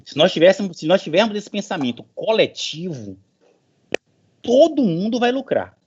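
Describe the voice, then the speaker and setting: At normal speed, a middle-aged professor speaks in a high-pitched, very animated, slightly mellow voice, with a little hiss or hum present. He addresses an online meeting informally and motivationally, repeating phrases for stress, through dull lo-fi call audio.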